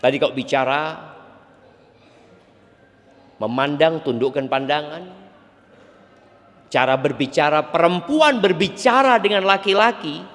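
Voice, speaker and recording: A man's voice: a little high, measured pace, pauses often, fairly bright tone. A man preaching an Islamic sermon to a congregation, teasing and acting out little quoted exchanges. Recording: long hall reverb.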